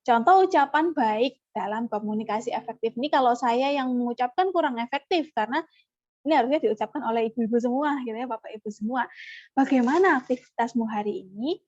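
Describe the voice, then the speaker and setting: A woman leading an online parenting workshop, animated and acting out parent-child dialogues. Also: a little high, fast talker, no echo, lo-fi sound. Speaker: parenting trainer.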